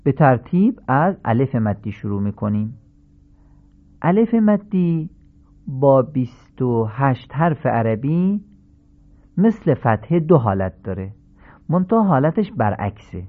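A man teaching Quran recitation in a radio lesson, explaining patiently and chanting drill syllables slowly. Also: medium pitch, very animated. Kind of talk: radio lesson on Arabic pronunciation. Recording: tinny phone-like broadcast sound.

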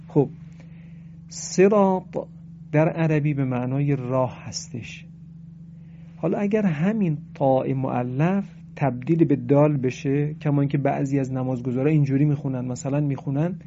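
A man giving a religious lesson on Quran recitation, explaining pronunciation and chanting verses slowly. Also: medium pitch, creaky, warm tone, highs cut off, a little hiss or hum.

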